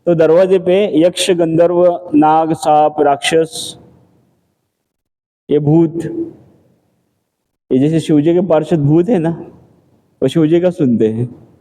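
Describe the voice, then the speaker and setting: A man's voice: on the high side, takes it slowly, pauses often, mellow. A man giving a scripture class in a temple, talking conversationally and answering his own rhetorical questions. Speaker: temple lecturer.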